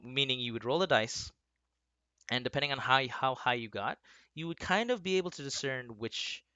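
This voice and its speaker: A man's voice: mid-range voice, pushed and bright, dry recording, highs cut off. A young man running a tabletop game as dungeon master, hesitant and full of ums.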